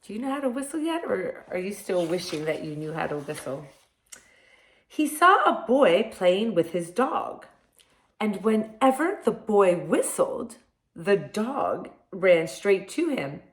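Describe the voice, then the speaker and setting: A woman hosting a read-aloud for young children like a kids' show host, talking straight to them in simple words and expressive questions. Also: mid-range voice, a little slow. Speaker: kindergarten teacher reading picture books to children. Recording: echoey room sound.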